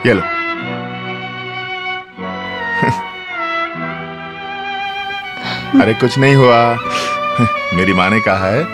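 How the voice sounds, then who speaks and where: A man's voice: very high voice, sing-song, extremely slow, long pauses, full character voice. A man dubbing a film role as a man leaving home to work abroad again, teasing and emotional by turns, with music behind. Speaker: dubbing actor.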